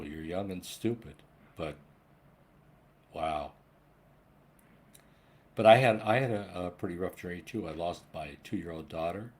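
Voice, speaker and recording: A man's voice: low-pitched, a little mellow, a little hiss or hum. A man in his sixties talking in a rambling, earnest monologue about spiritual matters, swearing casually now and then. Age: 60s. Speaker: spiritual vlogger.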